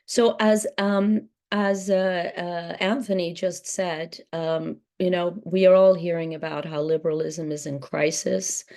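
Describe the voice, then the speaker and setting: A woman with a low, mellow voice made croaky and hoarse by laryngitis moderates a book talk. She speaks hesitantly, full of ums and restarts as she sets up the conversation. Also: little pitch movement, a little slow, few pauses. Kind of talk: introductory remarks at a book talk.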